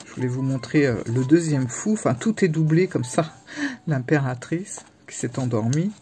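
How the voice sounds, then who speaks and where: Chatting informally to her camera, a female vlogger discusses her tarot decks in a hesitant, self-interrupting manner full of pauses. She has a bass voice that sounds mellow yet animated.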